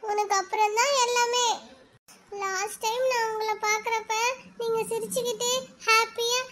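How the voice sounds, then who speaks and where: A woman doing an earnest high-voiced schoolboy. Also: little pitch movement, normal speed, fairly bright tone. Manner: earnest, caring. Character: devoted schoolboy son. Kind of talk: cartoon voice acting.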